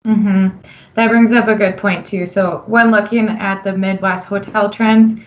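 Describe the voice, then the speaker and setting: A woman with a Minnesotan accent talks as a guest in a relaxed interview, friendly and upbeat. Her voice sits at an everyday middle pitch. The sound is dull and lo-fi. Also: a little slow. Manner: friendly, upbeat, laughs easily. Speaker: customer analyst guest. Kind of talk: casual conversational interview.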